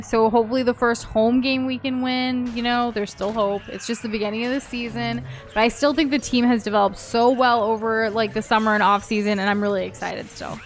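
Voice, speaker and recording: High-voiced woman co-hosting game commentary. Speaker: gaming co-host. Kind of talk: casual game commentary with dramatic read-outs. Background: game music.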